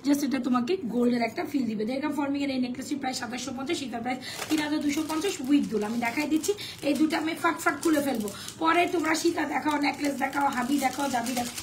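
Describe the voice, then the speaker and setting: Hoarse, fast, high-pitched Bangladeshi saleswoman. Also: noisy background. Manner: chatty, mixes English sales phrases. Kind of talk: live sales stream.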